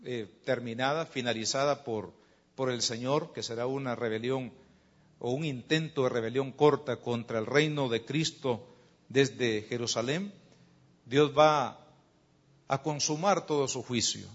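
A man preaching a sermon, explaining scripture and reading passages aloud in a measured, emphatic way with occasional hesitant fillers. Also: medium pitch. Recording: slightly dull lo-fi recording.

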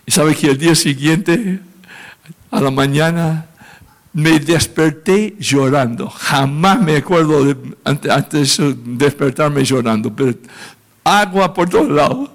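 A man, a pastor, preaching a testimony, speaking emotionally and lifting his voice high when he acts out his own prayers. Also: slow pace. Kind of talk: sermon testimony.

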